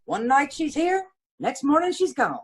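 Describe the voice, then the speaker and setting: She's a high-voiced, very animated woman at a moderate pace, voicing a witness in a radio police drama of the old-time style. Her character, a gossipy, aggrieved middle-aged landlady and mother of five, speaks folksy and ungrammatical, grudging in mood, indignant and self-pitying.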